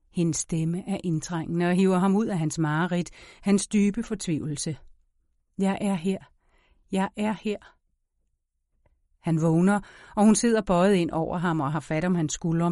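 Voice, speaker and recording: A woman reads an audiobook aloud in a measured, expressive storytelling style. Her voice sits low for a woman. The recording is close and very dry. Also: no room sound. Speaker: audiobook narrator. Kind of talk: scripted audiobook narration.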